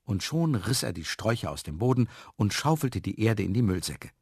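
A man reading a children's story aloud, expressive and lively. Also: lowish voice, brisk, vocal fry, slightly rough, no room sound, studio quality.

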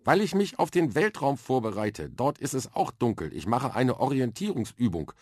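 A man's voice: medium pitch, big pitch swings, normal speed, a little mellow, dry recording, clean studio sound, voice pushed up. A man voicing a bold, impatient and chatty young girl in a children's radio story, cheeky and self-assured.

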